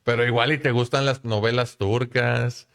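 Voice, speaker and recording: A man's voice: mid-range voice, little pitch movement, normal speed, fairly bright tone. Chatty man hosting a podcast. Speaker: podcast host. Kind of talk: casual podcast chat.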